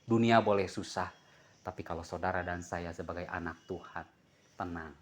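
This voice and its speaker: Speaking low and at an ordinary pace, with slight background noise, a preacher delivers a spirited sermon. He jokes around and quizzes his congregation, who call back their responses.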